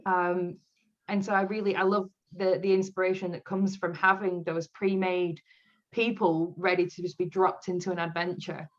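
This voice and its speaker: A woman's voice: fairly low pitch, moderate pace, muffled recording. A woman author chatting in an interview, telling stories with frequent laughter. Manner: laughs often, animated storytelling. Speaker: author guest. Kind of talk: casual interview chat.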